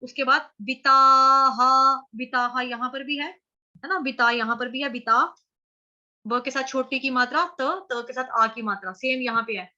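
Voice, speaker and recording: Lady teacher going syllable by syllable through sanskrit verses, slow, kinda dull lo-fi sound. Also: high voice, sharp tone. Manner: spells words out letter by letter, then chants the verse. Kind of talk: slow syllable-by-syllable recitation lesson.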